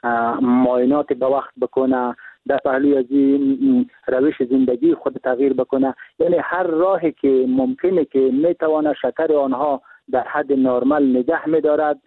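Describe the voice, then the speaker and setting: A man's voice: mid-range voice, fairly even intonation, no echo. A man with an Afghan Dari accent, a doctor giving medical advice on a radio show in a hesitant, advisory way over the phone. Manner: advisory, repetitive, hesitant fillers. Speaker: doctor guest. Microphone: telephone. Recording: tinny phone line.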